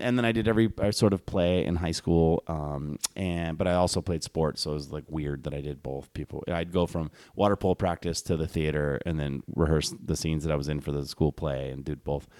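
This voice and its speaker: A man's voice: low voice, brisk, hardly any pauses, dry recording, clean studio sound. A man from Hawaii, a podcast guest telling rambling stories full of fillers and restarts. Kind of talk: casual podcast chat.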